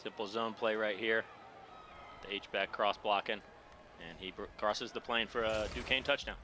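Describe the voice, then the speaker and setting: A male color analyst with a lowish, bright voice explains football plays. He talks through each one, sometimes repeating words, over faint outdoor noise. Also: steady tone, moderate pace.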